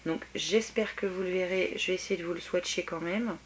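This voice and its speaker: Woman, beauty vlogger, casual review, hesitant and chatty, slightly low voice, faint background noise. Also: steady tone, a little fast. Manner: chatty, hesitant, many filler sounds; enthusiastic about products. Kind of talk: casual product review to camera.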